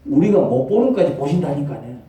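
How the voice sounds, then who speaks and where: A male pastor with a Gyeongsang dialect preaching a lively, conversational sermon that acts out dialogues. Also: fairly high pitch, quick pace. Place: church sanctuary. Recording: echoey church hall, mic far off.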